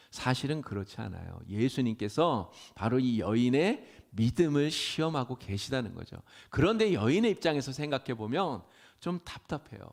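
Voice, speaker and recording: A middle-aged male pastor delivering a sermon in earnest, rising tones, lifting his voice when quoting pleas. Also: mid-range voice. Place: church sanctuary.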